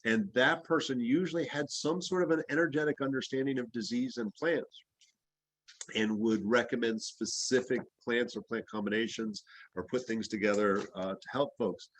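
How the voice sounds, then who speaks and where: A man's voice: mid-range voice, moderate pace, dry recording, poor audio. A man who grew up in the Bahamas, teaching an herbalism class in a loose, rambling, anecdotal way with plenty of fillers. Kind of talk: casual class discussion.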